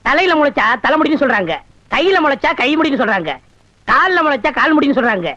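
An actor playing a naive village simpleton who keeps asking silly questions in a film comedy. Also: male voice, very high-pitched, lively intonation, quick pace, sharp tone, no echo, exaggerated voice. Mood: curious. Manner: childish pestering questions. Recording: dull lo-fi film soundtrack.

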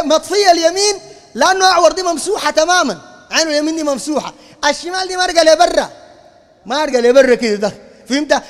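A man preaches in Sudanese Arabic with a very high voice, scolding and mocking as he lectures. His words come quickly, and a long reverberant hall rings behind him. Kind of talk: heated religious lecture.

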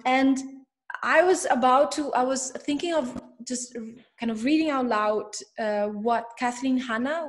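Woman, Italian accent, curator interviewer, hesitant, slightly high voice. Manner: hesitant, many fillers. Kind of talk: interview questions and reading aloud.

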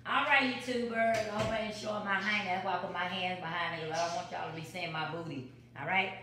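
A woman's voice: on the low side, steady tone, quick pace, crowd noise. Middle-aged woman, chatty cooking vlogger, phone mic on counter, roomy kitchen echo. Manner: chatty, repeats catchphrases to viewers. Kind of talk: casual home cooking vlog. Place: home kitchen. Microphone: built-in phone mic on the counter. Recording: echoey kitchen.

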